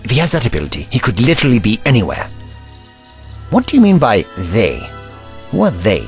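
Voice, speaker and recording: A man's voice: medium pitch, huge pitch swings, fairly quick, soft background music. A man playing a curious, kindly, slightly pompous Doctor with formal, theatrical courtesy in an audio drama. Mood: calm, courteous.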